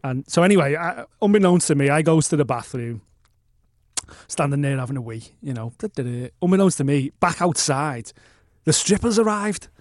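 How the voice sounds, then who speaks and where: A man's voice: on the high side, expressive, moderate pace, darkish tone, no echo, clean studio sound. A man with a Northern English accent, chatting casually and telling anecdotes in colloquial, sweary language as a podcast co-host.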